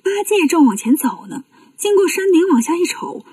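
A woman narrating a children's story as a storyteller, lively and expressive. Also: extremely high pitch, normal speed, no echo, distant mic.

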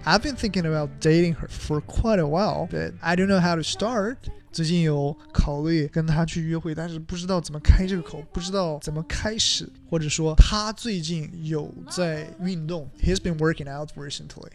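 Brief: male podcast host, fairly high voice, friendly teacher tone, soft music underneath. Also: moderate pace, gravelly, hardly any pauses. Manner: chatty, asks listeners "right?", switches between Chinese and English examples. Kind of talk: casual teaching, explaining English words.

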